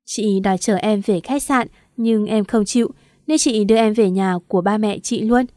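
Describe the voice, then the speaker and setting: A woman narrates a romance in the first person as an audiobook, throwing herself into the quarrels and weeping of the characters. Her voice is mid-range and dark in tone, with a moderate pace. There's no room sound, and the quality is studio-grade.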